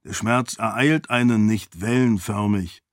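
Galadon, a man doing a calm sceptical friend. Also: on the low side, a little slow, no echo, clean studio sound, close to an everyday voice. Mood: explaining.

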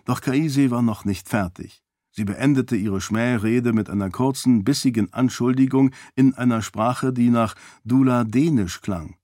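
A man reading a novel aloud in a calm, even storytelling manner. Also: mid-range voice, measured pace, no room sound. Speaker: audiobook narrator. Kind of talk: scripted narration.

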